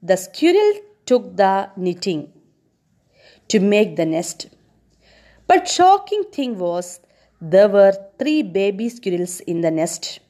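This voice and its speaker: Slow, lively-voiced woman teacher retelling a story. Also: medium pitch. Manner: expressive, quizzes listeners with questions.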